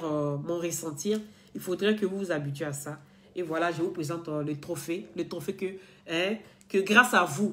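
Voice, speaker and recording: A woman blogger talking straight to her followers in an earnest, lecturing way, repeating herself and restarting often. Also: fairly low pitch. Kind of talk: casual direct-to-camera talk.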